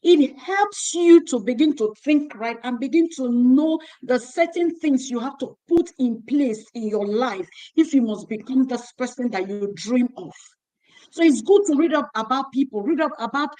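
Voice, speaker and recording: A woman's voice: sits high, animated, moderate pace, dark tone, rough recording. A woman hosting a youth ministry livestream, exhorting young women in a preacherly, repetitive way while holding a phone. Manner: exhortative, preacherly, repeating phrases. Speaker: host. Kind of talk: closing remarks on a livestream. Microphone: phone held in hand.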